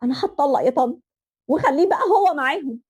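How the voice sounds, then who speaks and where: A young wife who has had enough speaks politely and firmly in a high voice, as a woman storyteller plays her. She has an Egyptian accent. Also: animated, quick pace, darkish tone. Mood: resolute. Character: young wife, worn down and resolute.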